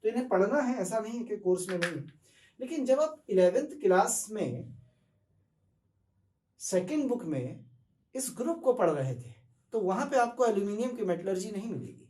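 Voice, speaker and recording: A man's voice: high voice, sing-song, normal speed, long pauses, mellow, distant mic, slight background noise. A man teaching chemistry, explaining step by step, asking questions and answering them himself, with English terms mixed into his speech. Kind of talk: classroom lecture. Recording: echoey room, voice off-mic.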